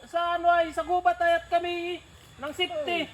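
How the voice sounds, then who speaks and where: A man's voice: very high-pitched, level tone, fairly quick, a little hiss or hum. A man playing a grouchy young gambler who shoos people away, in a comedy skit. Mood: irritated. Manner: shouting, shooing others away. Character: grouchy young male gambler losing a card game.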